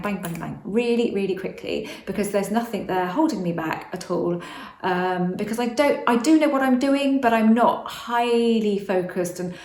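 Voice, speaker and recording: A woman's voice: medium pitch, a little mellow, reverberant. A woman vlogging about manifestation in a casual, rambling monologue, often restarting and correcting herself.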